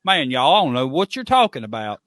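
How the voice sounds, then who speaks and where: A newly minted Texan played by a man talks in a twangy Texas accent. The voice is bright and comes through dry, as a joking impression in casual podcast talk. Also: medium pitch, big pitch swings, a little fast, no room sound, pitched below the performer's own voice. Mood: mocking drawl. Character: co-host newly turned drawling Texan, mock impression.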